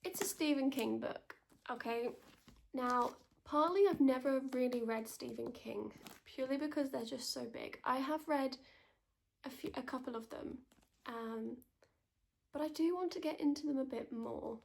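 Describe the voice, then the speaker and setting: A woman talking softly in a hushed, partly whispered library ASMR style, chatting about books as a reviewer. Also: high voice, normal speed, creaky. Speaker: book reviewer. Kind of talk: whispered ASMR book recommendations.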